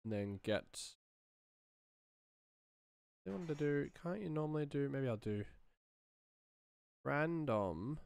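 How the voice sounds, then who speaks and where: A sound designer and streamer in his thirties mutters fragmentary thoughts while casually narrating his computer work in a screen-share, from a small indoor room. His slightly high voice is expressive, slow and creaky with frequent pauses, darkish yet clear and resonant, with no echo.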